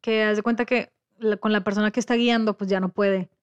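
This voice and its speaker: A woman's voice: medium pitch, a little fast, smooth, highs cut off. A woman with a Mexican accent telling a story in casual chat, acting out the voices of the people she quotes. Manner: lively storyteller who acts out quoted voices.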